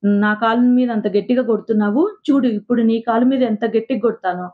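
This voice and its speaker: A woman's voice: fairly high pitch, steady tone, soft background music, close to an everyday voice. A woman voicing foolish young male disciples who bicker and draw out their threats, on a tinny phone-like recording. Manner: squabbling, drawn-out threats.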